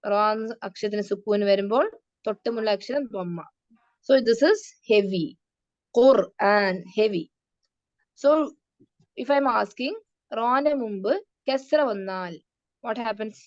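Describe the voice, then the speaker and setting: A woman teaching children Quran recitation, patient and slow, mixing English into her talk. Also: medium pitch, no echo. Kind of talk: online class teaching kids. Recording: dry, dull lo-fi sound.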